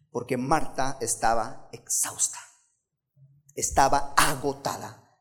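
A man's voice: medium pitch, a bit bright. A man preaching a sermon, talking expressively and asking his listeners rhetorical questions.

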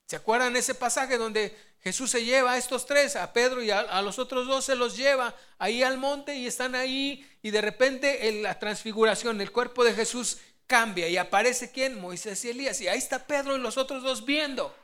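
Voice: mid-range voice, normal speed, few pauses, fairly bright tone. A preacher giving a sermon, telling the story with animation and acting out the quotes.

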